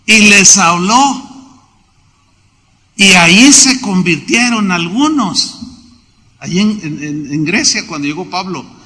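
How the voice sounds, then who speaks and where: A man preaching a sermon as pastor, telling stories with lively asides. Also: sits high, takes it slowly, long pauses. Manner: storytelling preacher who acts out quoted voices. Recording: long reverb of a large hall.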